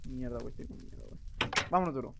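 A young man with a Mexican accent doing excitable, swear-filled gameplay commentary, reading in-game signs aloud. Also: medium pitch, fast talker, vocal fry, heavy background noise. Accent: Mexican Spanish. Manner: excitable, swears, yells when startled.

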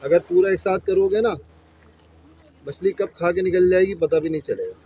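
A man in his thirties with a slightly raised voice chats in a relaxed, casual way. He is outdoors on seaside rocks, and the sound of the water comes through clearly. He takes his time explaining how to bait a hook. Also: sits high, moderate pace, dull audio. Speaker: angler vlogger. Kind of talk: casual vlog talk. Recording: noisy seaside ambience.

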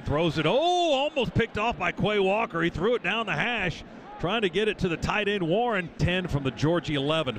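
Guy doing live football radio play-by-play, clipped phrases, highish voice, stadium noise behind him. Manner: clipped, vivid running phrases. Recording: stadium radio broadcast, clear background noise.

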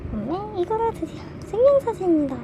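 A young woman vlogging an unboxing, excitable and quick to gasp and squeal with delight. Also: very high-pitched, noisy background. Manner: excitable, gasping and squealing over merch. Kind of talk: casual unboxing vlog.

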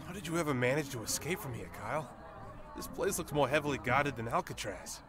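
A man's voice: medium pitch, lively intonation, fairly quick, voice pushed up, natural voice. A man voicing a wry, confident male gang leader with a dry, teasing manner in an audiobook. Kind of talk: audiobook character voice.

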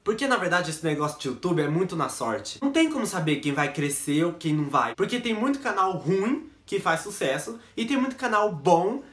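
A man's voice: high-pitched, big pitch swings, fairly quick, few pauses, fairly bright tone. Chatty young man in an echoey room. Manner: jokey, chatty, self-mocking. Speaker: YouTuber. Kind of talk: casual vlog chat to camera. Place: bedroom set at home. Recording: echoey room, basic camera mic.

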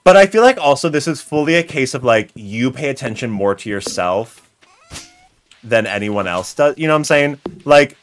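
A young man from the United States games on a live stream from a small home room, talking at normal speed in a medium-pitched voice. He's chatty, full of animated stories, and reads chat aloud. Slight background noise and faint game music sit behind him.

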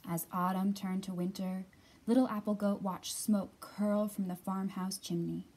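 A woman's voice: medium pitch, little pitch movement, measured pace, mellow, breathy edge, low-quality recording. A woman in her thirties hosting a children's storytime, reading and talking expressively to young listeners as a librarian. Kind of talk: picture book read-aloud and storytime talk for young children.

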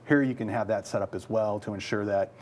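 A man in his thirties co-hosting a tech show, chatting casually with quick, upbeat explanations and laughing asides. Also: lowish voice, fairly even intonation, darkish tone. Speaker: co-host.

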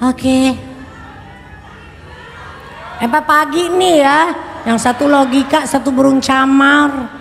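An older woman singer chats with her festival audience from a concert stage, teasing and laughing while a live band plays behind her amid some background chatter. Her voice is high and creaky, fairly even in intonation, slow, with long pauses and a long reverb tail.

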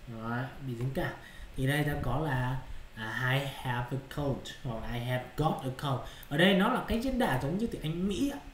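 A male English teacher with a medium-pitched voice goes over exercise answers in Vietnamese, in a reverberant space with slight background noise. He keeps asking checking questions to make sure his students are following.

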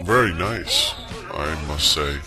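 A man in his forties talking to viewers in a slow, wry monologue, his voice altered into a disguised deep voice. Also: lively intonation, sharp tone, faint music behind. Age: 40s. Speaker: vlogger.

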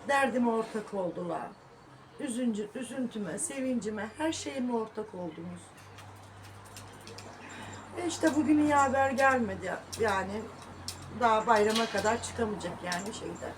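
A middle-aged woman with a fairly high voice vlogs from home at a normal pace, speaking to her viewers in a sorrowful, prayerful tone. Now and then she calls sharply to her dog, with background noise audible throughout.

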